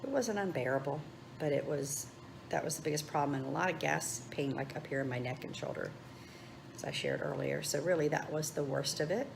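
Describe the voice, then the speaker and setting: A woman's voice: low-pitched, a little fast, gravelly. A woman giving a casual vlog update as a patient, sounding subdued and weary after surgery. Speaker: patient vlogging her surgery recovery. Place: hospital room and corridor. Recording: noisy room sound.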